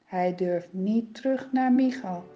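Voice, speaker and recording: A woman telling a children's Bible story in an expressive, suspenseful manner. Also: mid-range voice, takes it slowly, soft background music. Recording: dull lo-fi recording.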